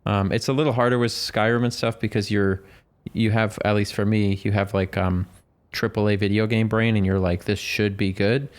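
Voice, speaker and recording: A man's voice: on the low side, little pitch movement, moderate pace. A man co-hosting a casual podcast, telling stories in a rambling, self-interrupting way. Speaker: podcast co-host.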